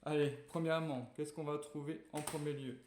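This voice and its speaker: A man's voice: on the high side, fairly even intonation, moderate pace, background noise. A man casually chatting while unboxing a phone, hesitant and full of fillers. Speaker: tech reviewer unboxing a phone. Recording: echoey room.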